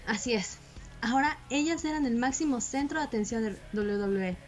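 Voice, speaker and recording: Woman narrator, scripted documentary read, bit high pitched, some music under it. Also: moderate pace.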